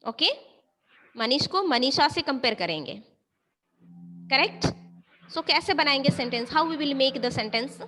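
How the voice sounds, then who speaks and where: A woman's voice: high voice, animated, slow pace, pauses often, bright, forceful tone. A woman teacher taking an online grammar class, mixing Hindi and English and often checking whether the students have understood. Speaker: school teacher.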